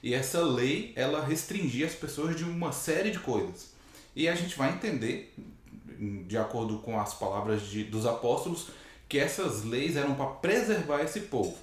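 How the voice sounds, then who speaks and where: A hoarse man gives a Bible teaching straight to the camera. He keeps restating each point and checks in with listeners as he goes. His voice sits at an ordinary middle pitch, and it rings around a very echoey room. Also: lively intonation, normal speed. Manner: explanatory, rephrases points and asks "né?".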